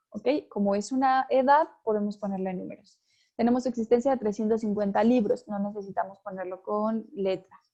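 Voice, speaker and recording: A woman's voice: fairly high pitch, dark tone. A woman teaching a class, explaining step by step and often checking in with her students. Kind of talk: online class lecture.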